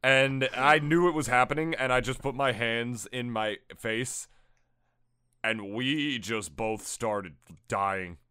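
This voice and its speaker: A man's voice: mid-range voice, slow, smooth, dry recording, studio quality. A young man co-hosting a podcast, joking crudely and mocking himself in casual banter. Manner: lively, crude, self-mocking. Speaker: podcast co-host.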